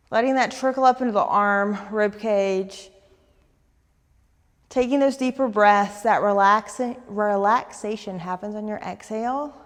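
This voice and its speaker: A woman leading a guided stretching class, talking fast and eagerly as she gives coaching cues. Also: medium pitch, in a large hall. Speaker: fitness instructor.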